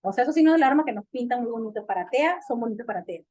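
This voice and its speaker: A woman physician with a Peruvian Spanish accent lectures on medicine. Her voice sits slightly high, and she keeps the talk animated by posing questions and answering them herself. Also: very fast. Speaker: physical medicine doctor lecturing on child development.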